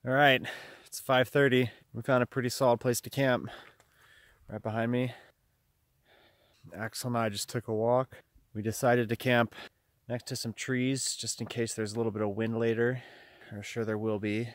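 A man's voice: medium pitch, little pitch movement, normal speed, no echo. Man vlogging outdoors on his phone. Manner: short, matter-of-fact remarks. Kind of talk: casual vlog narration to camera. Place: outdoors on a snowy mountain ridge. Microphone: handheld phone.

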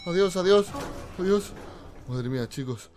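Male host voice for game role-play, stammering and animated, high pitch. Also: measured pace, very noisy. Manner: excitable, stammering, talks to viewers. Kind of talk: Minecraft role-play narration to viewers.

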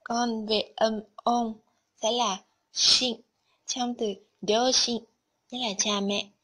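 A woman's voice: a little high, flat delivery, slow, a bit bright. A woman narrating a scripted Japanese lesson, carefully explaining vocabulary and kanji one item at a time. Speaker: Japanese language teacher.

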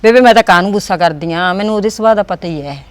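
A woman's voice: medium pitch, racing, dry recording, close to an everyday voice. A woman playing a devoted, emotional married daughter who talks at length with her old mother in a family drama. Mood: affectionate. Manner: pleading, talkative.

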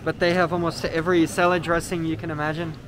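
This fast-talking vlog host has a fairly high-pitched voice and gives relaxed walking-tour commentary on products inside a large indoor supermarket. He explains things casually and uses "uh" frequently. A handheld camera mic records him amid noisy store ambience.

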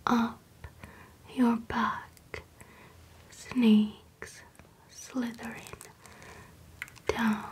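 An ASMR creator, a woman, whispers a rhyme as a slow, rhythmic chant, gently coaxing the listener while close to the mic in a small room. Her pitch is fairly high, and the background is noisy.

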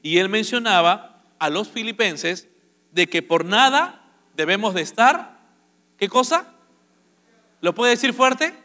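Male pastor, high and bright, lively sermon delivery, long reverb of a church auditorium. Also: slow, pauses often. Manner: lively, asks the congregation questions and acts out quotes.

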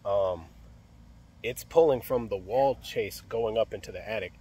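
A young HVAC technician with a lowish, unhurried, dark and husky voice narrates a service call in a casual work vlog, thinking aloud with lots of fillers and restarts. He's outdoors by an AC unit and indoors in a closet, filmed on a phone camera held close.

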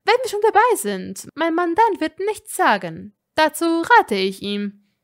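A woman reading a fan audiobook, voicing a calm young wizard man who works as a lawyer, speaking low and measured. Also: full character voice. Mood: firm.

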